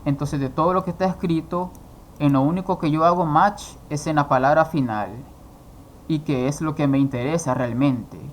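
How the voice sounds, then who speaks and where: In a screen-recorded coding course, a male instructor walks through every step, asking himself questions and then answering them. His voice is a little high and moves at a moderate pace, and the recording has a faint hiss or hum.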